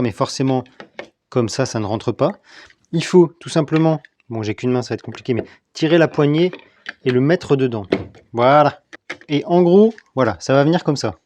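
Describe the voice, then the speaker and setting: A man's voice: fairly high pitch, a little mellow, no room sound. Chatty man reviewing car gadgets. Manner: chatty and self-mocking, thinks aloud while testing. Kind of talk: casual hands-on product review.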